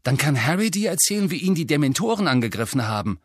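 A man voicing an impatient teenage boy in an audiobook, raised and hurried. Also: on the high side, very animated, husky, no echo, studio quality, pitched above the performer's own voice. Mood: urging. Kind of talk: audiobook character voice.

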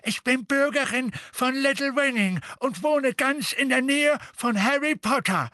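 A jittery, eccentric older woman speaks in a shaky, high, wavering voice and babbles quickly, as a male reader puts her on. The sound is close and dry. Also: sharp tone, no echo, full character voice. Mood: nervous. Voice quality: shaky, quavering. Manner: indignant, babbling.

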